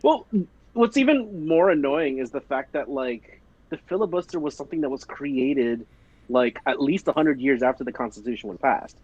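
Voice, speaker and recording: A man's voice: mid-range voice, expressive, moderate pace, darkish tone, slightly rough, muffled recording. A man on a political podcast panel who talks emphatically and laughs as he goes. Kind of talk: casual political podcast chat.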